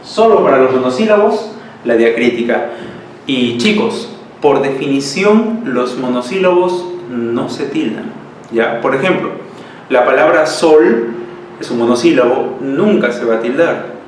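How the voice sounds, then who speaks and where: A man's voice: mid-range voice, animated, a little slow. A male language teacher giving a lesson, explaining rules step by step and checking in with his students. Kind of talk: classroom lesson at a board. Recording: echoey room, mic far off, faint hiss.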